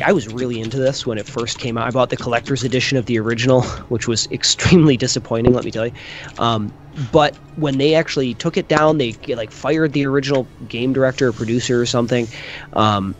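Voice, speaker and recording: A man's voice: mid-range voice, lo-fi sound. A man giving his opinions as a panelist in casual talk, thinking aloud and repeating words as he goes. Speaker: panelist on a gaming discussion show.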